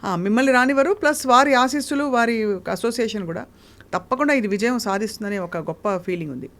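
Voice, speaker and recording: Interviewer talking fast, admiring, mid pitch. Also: a bit bright. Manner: admiring, quick questions. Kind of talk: casual interview talk.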